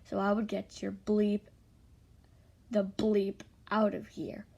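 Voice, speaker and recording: A woman's voice: mid-range voice, monotone, slow, gravelly, warm tone. A woman voicing a tough young girl who warns off a stranger in a threatening way. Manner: threatening, menacing.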